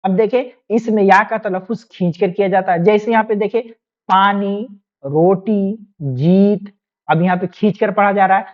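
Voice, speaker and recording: A woman teaching an online exam-prep lesson, explaining patiently and repeating each point with quick questions to her students. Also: mid-range voice, fairly even intonation, highs cut off.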